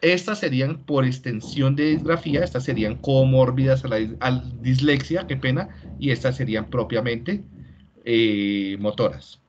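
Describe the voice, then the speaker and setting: Male lecturer, middle pitch, patient explainer, lo-fi call audio. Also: normal speed, a little mellow. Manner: explanatory, tags many lines with "¿sí?". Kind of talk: online class lecture. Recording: dull lo-fi video call audio.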